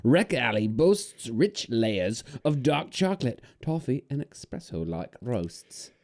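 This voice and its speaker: A man doing a gruff old sailor who reads with exaggerated drama, his voice low and mellow, rising and falling widely. The act is playful and over the top. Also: sing-song, slow. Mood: theatrical. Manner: hammy, laughing through the read. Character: gruff old male sailor reading a beer label. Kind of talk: podcast chat, mock-dramatic reading.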